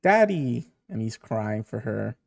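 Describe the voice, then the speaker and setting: A man's voice: mid-range voice, steady tone, moderate pace, darkish tone, no echo, studio quality. A man reading a comic aloud for a reaction video, acting out the characters' lines. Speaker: manga reactor.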